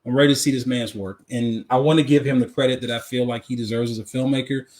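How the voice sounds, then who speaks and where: In casual live podcast chat, a male co-host shares opinions informally and repeats phrases for emphasis. His voice is mid-range and a little mellow, quick-paced, with fairly even intonation.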